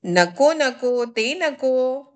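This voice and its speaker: A woman's voice: high voice, expressive, extremely slow, pitched above the performer's own voice, exaggerated voice. A woman voicing a small sulky boy who whines and insists on getting what he wants. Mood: stubborn. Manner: whiny, insistent, pleading.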